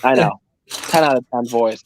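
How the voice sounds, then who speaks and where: A man's voice: mid-range voice, a little hiss or hum. A young man telling jokes and stories in a casual stream chat over a call. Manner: animated, joking, fast storytelling. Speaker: guest YouTuber.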